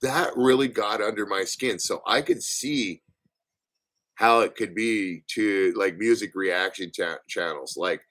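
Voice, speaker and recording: A man's voice: lowish voice, unhurried, a bit bright. A man hosting a casual livestream, chatting loosely with viewers, with plenty of fillers and restarts. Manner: rambling, chatty, playful with viewers. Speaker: livestream host.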